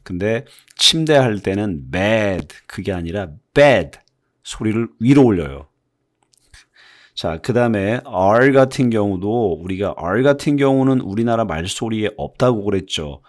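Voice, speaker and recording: A man's voice: on the low side, animated, measured pace. A man whose first language is Korean, teaching English phonics in a video lesson, patiently explaining and repeating example words to demonstrate the vowel sounds.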